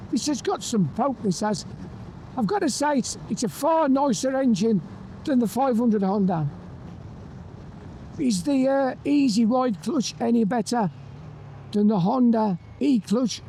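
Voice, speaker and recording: High-pitched British man on helmet intercom. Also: darkish tone, poor audio. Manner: chatty, colloquial British turns of phrase with tag questions. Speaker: motorcycle review vlogger and presenter. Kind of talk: casual running commentary while riding. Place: outdoors, riding a motorbike on roads. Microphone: microphone inside a motorbike helmet. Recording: helmet mic with engine and wind noise. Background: faint vehicle and wind noise.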